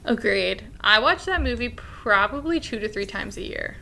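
A woman co-hosting a podcast, a teacher chatting casually, animated and laughing often as she acts out what she said. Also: on the high side, normal speed, creaky, a little hiss or hum. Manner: animated, laughs often, acts out her own past remarks. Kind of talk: casual chat.

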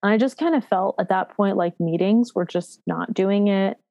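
Frank and self-deprecating, this woman in her 30s recounts her own experiences in a reflective, halting way, with frequent restarts and fillers. Her mid-range voice has a dark tone, and the recording is dry and dull.

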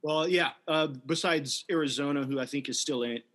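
A man co-hosting a casual sports chat, opinionated and wry, getting animated at times. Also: fairly high pitch, brisk. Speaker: podcast co-host.

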